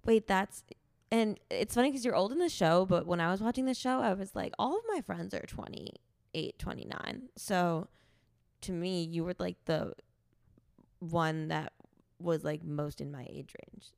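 A podcast host in her late twenties chats informally in a casual in-person interview, saying "like" a lot. Her voice is lowish, a little slow and a bit mellow, with vocal fry, and the studio-quality recording has no echo.

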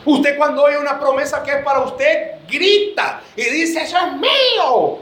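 A man's voice: very high-pitched, steady tone, unhurried, fairly bright tone, reverberant. A man preaching a sermon to his church, joking and calling his listeners brother.

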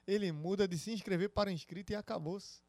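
A man's voice: high voice, fairly even intonation, quick pace, a little mellow. A man co-hosting a podcast, chiming in with short agreeing replies. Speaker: podcast co-host. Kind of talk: casual podcast chat.

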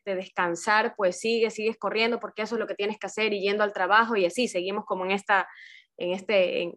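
A woman co-hosting a casual talk show, speaking in a reflective, conversational way and adding her own examples. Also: mid-range voice.

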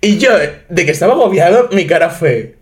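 Young man, Madrid accent, slightly high voice, lively storytelling co-host. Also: a little fast. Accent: Madrid Spanish. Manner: animated storyteller, acts out his own reactions. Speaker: podcast co-host. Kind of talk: casual chat.

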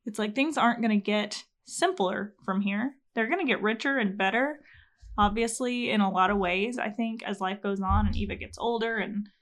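A young woman with a mid-range voice hosts a podcast, chatting earnestly and openly with her husband at a moderate pace. It's a casual conversation, and she laughs often.

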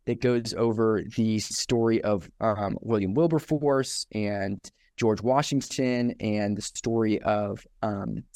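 Animated young man telling a story. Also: lowish voice, slow pace, few pauses, dry recording, clean studio sound. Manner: animated storyteller who acts out quotes, laughs often. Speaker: podcast host. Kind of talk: casual storytelling.

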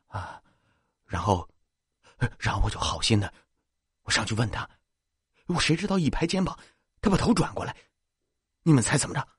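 A man's voice: mid-range voice, sing-song, moderate pace, long pauses, breathy edge, no room sound, clean studio sound, pitched above the performer's own voice. A man voicing a jittery young man who stammers and repeats his words, scared at first and then boastful. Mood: flustered.

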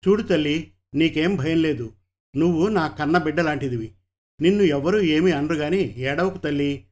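A man's voice: a little high, moderate pace, darkish tone, lightly acted. A man voicing a domineering middle-aged woman brothel keeper who talks in a commanding, threatening way. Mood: soothing.

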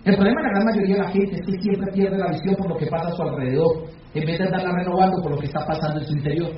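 A man's voice: sits high, fairly even intonation, racing. Guy giving a pep talk to a sales crowd, quizzing them, sounds muffled and distant with a faint hum behind. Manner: questions the audience directly; acts out shouted calls. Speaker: speaker at a business meeting. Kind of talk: motivational talk. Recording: echoey, dull hall recording from far off.

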